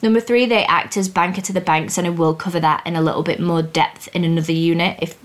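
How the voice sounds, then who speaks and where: A woman's voice: lowish voice, fairly even intonation, fast talker. A young woman hosting a podcast and explaining finance exam topics in a plain, chatty, upbeat way. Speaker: podcast host teaching finance exams. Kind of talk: casual educational podcast.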